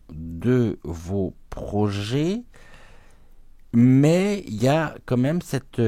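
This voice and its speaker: A man doing a live spiritual card reading, slow and halting with many pauses, sometimes talking aloud to an unseen guide as he draws cards. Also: mid-range voice, dark tone, dry recording. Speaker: tarot and oracle card reader.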